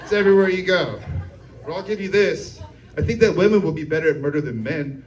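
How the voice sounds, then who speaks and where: A man's voice: on the high side, lively intonation, fast talker, darkish tone, lo-fi sound. A young man doing a brash, crude stand-up set on a comedy club stage, chuckling at his own jokes as he works the crowd. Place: comedy club stage before a live audience. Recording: live club recording, a bit far from mic, crowd audible.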